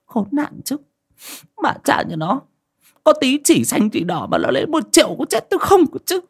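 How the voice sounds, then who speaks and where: A tight-fisted middle-aged village woman, as a male narrator puts her on, grumbles and curses in a high, whiny voice. It is a spoken horror story, with her pitch pushed well above his own. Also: huge pitch swings, moderate pace, breathy edge, exaggerated voice. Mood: grumbling. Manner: grumbling, cursing.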